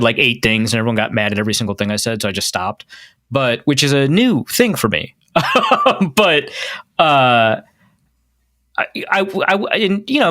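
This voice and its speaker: A man's voice: mid-range voice, fairly bright tone, dry recording, studio quality. A man with a Midwestern accent chatting casually as a podcast host, rambling with lots of fillers and restarts. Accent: Midwestern American.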